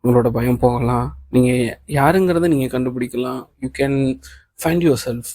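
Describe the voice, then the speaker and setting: A man's voice: mid-range voice, unhurried, no echo, close to an everyday voice. A man reading a kind, encouraging boss. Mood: reassuring. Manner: calm, reassuring talk mixing English phrases. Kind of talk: audiobook reading of a novel.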